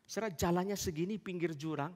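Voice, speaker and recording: Male pastor, sermon storyteller, voice on the high side, church reverb trailing behind. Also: quick pace, a little mellow. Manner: storytelling, keeps addressing the congregation as "saudara". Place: church service.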